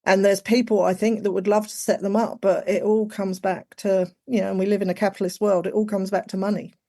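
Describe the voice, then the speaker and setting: A woman's voice: mid-range voice, level tone, fairly quick, mellow. A woman, chatting casually as a podcast guest, full of "like" and "you know". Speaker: guest, executive coach.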